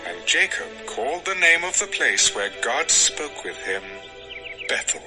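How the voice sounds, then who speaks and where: Scripture is narrated by a man in dramatized audio fashion, over music that's clearly audible underneath. His fairly high voice takes big pitch swings, moving expressively while remaining measured.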